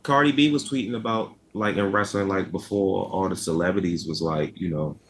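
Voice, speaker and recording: A man's voice: deep voice, fairly quick, a little hiss or hum. A young man from Baltimore with a Baltimore accent, co-hosting a casual chat and talking in a laid-back, rambling way. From Baltimore, Maryland. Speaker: podcast co-host.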